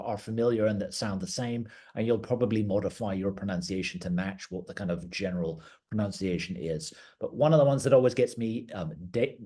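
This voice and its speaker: Middle-aged man, garden director, low husky voice, casual teaching tone. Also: darkish tone. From outside the United States. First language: English. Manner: conversational, plain-spoken, occasional fillers and restarts. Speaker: garden director giving a talk. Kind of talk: educational talk.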